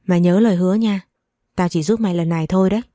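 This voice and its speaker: A woman's voice: on the low side, racing, warm tone, no echo, clean studio sound, natural voice. A woman reading the part of a blunt, loyal young female friend in a spoken story.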